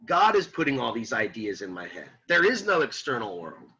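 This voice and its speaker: Animated husky male philosophy teacher. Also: medium pitch, moderate pace, lo-fi sound. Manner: animated, repeats himself, rhetorical questions to students. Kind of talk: classroom lecture reading and explaining a text.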